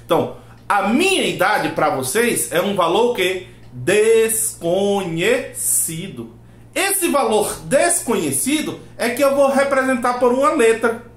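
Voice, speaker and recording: A man's voice: sits high, big pitch swings, a little slow. A man teaching a math lesson, asking rhetorical questions and acting out his students' replies. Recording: roomy echo.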